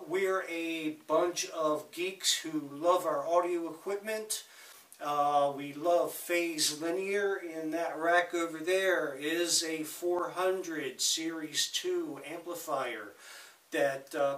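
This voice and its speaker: Sitting in a home room full of audio equipment, a man rambles to his viewers about records and gear, cracking jokes as he goes. He speaks in a high, bright voice, mostly unhurried yet breaking into sudden quick bursts, and the far-off mic captures the room's echo.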